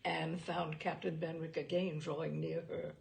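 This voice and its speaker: A woman narrates a classic novel as an audiobook, phrasing each line in an expressive, dramatic and deliberate way. Her voice sits low and has a creaky quality.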